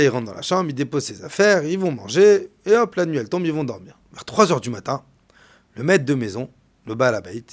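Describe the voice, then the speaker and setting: A man, a rabbi, delivering a storytelling sermon, swinging from hushed to loud. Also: medium pitch.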